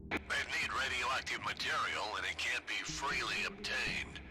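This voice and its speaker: An actor playing a fatherly, serious army colonel in a video game, speaking as an earnest, measured military officer. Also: mid-range voice, music in the background, lightly acted. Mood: alarmed. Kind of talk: dramatic video game dialogue.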